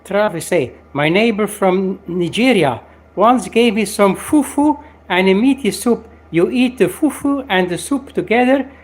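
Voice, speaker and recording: A woman's voice: medium pitch, expressive, a little slow. Woman reading live viewer comments aloud.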